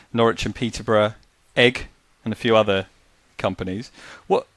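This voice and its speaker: A man co-hosting a podcast and asking the guest steady, methodical questions. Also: on the low side, no echo. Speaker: podcast co-host, financial planner. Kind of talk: interview questions.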